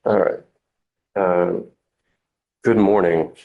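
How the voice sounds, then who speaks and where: A courtroom recording of a man working as defense counsel. His voice is deep and creaky with flat intonation, and he questions haltingly, often restarting his phrases. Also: phone-quality sound. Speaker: defense lawyer.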